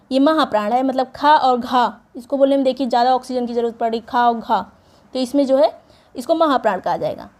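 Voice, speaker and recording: A woman with a high voice teaches an exam prep lesson. She explains each point step by step and reads lists of words aloud one after another. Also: a little mellow. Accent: Hindi, North Indian.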